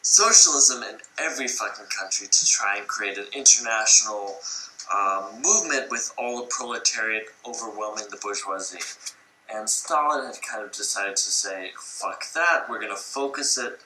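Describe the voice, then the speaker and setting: A man's voice: lowish voice, normal speed, bright, forceful tone, reverberant, a little hiss or hum, poor audio. A drunk man rambling through a history story, swearing constantly and slurring. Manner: profane, slurring, rambling, acts out quotes. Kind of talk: tipsy rambling retelling of history.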